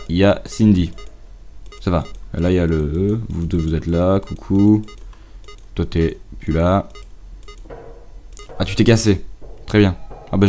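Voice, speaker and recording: Young guy gaming, lowish voice, mumbly stop-and-start commentary, faint music behind. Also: mellow. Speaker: gamer commenting on own play. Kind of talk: casual let's play commentary.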